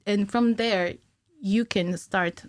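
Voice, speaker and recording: A mid-range female voice holds a steady tone at a slow pace, with no room sound. She's an animator in her thirties, guesting on a podcast and explaining things in a giggly, informal manner over casual interview chat. A close studio mic on a stand captures her in a small indoor podcast studio.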